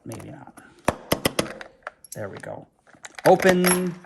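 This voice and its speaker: A man's voice: medium pitch, unhurried, noisy background. A man giving a casual hands-on toy review indoors at home. He talks in a chatty, rambling way and thinks aloud while he works with his hands.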